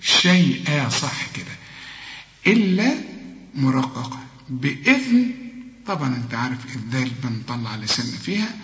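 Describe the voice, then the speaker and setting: A man with an Egyptian accent teaching Quran recitation rules, saying each word slowly and then explaining and correcting. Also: mid-range voice, big pitch swings, fairly bright tone. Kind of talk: tajweed lesson. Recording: echoey room with long reverb, dull lo-fi sound.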